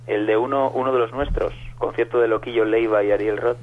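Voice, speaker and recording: A man's voice: mid-range voice, fairly even intonation, fairly quick, no room sound. A man from Madrid calling in to a radio show, telling stories in slangy, casual chat with casual swearing, heard over a dull phone line. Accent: Madrid Spanish. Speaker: caller.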